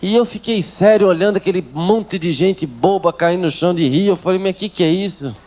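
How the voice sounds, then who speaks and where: A man in his thirties giving a humorous church testimony, telling his story with animated comic quotes of the people in it. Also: high voice, brisk. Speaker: testimony speaker. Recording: 1990s.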